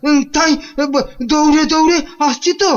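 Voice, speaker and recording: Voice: high voice, fairly even intonation, moderate pace, highs cut off, close to an everyday voice. An actor voicing a fawning, stammering court minister. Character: scheming, flattery-loving royal minister, male. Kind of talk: cartoon voice acting.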